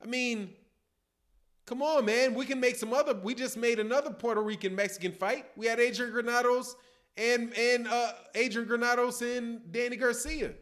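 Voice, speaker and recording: His voice very high-pitched and a bit bright, a middle-aged man with a Chicago accent runs a boxing livestream indoors at home, in a dim room. He sits at his desk on webcam, reading viewer comments in casual, slang-filled chat.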